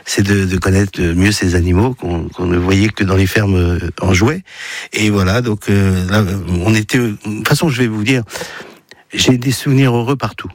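A man in his sixties from the Paris area speaks in a low voice as an interview guest. He keeps restarting his sentences and stumbling over repeated words as he remembers. The sound is close and dry. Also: steady tone, normal speed, no room sound. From Paris region, France. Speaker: guest, filmmaker. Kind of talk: casual radio interview.

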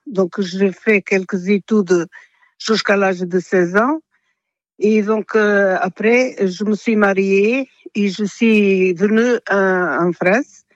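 Retired Portuguese-accented woman, slow, hesitant; dry, slightly muffled audio. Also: mid-range voice, steady tone, no echo. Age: older. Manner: halting, many restarts and fillers. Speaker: interviewee. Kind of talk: radio interview.

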